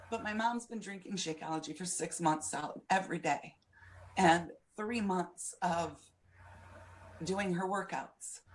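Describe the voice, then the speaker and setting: Low-voiced woman giving a heartfelt testimonial. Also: a little hiss or hum. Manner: earnest, personal, with frequent fillers. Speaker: fitness coach. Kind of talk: webinar testimonial. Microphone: webcam on a video call.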